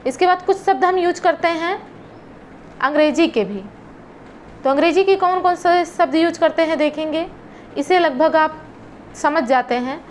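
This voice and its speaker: A woman with a very high voice teaches an exam-prep lesson, with a little hiss or hum on the recording. She reads long word lists slowly, adding short explanations in between.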